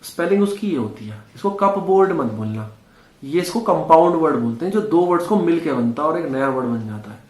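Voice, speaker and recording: A man's voice: fairly high pitch, animated, a little fast, a little mellow, reverberant. A man teaching a spoken English lesson, patiently repeating drills and calling his viewers friends.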